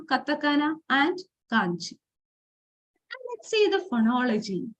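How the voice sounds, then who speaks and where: High-pitched woman giving a lecture. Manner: explains slowly with frequent fillers and restarts; reads example phrases aloud. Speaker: forum speaker. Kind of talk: informal lecture presentation.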